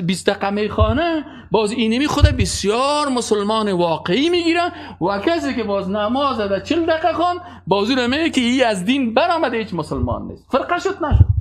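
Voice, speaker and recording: A man preaching a sermon, emphatic, asking rhetorical questions and reciting verses. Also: very high-pitched.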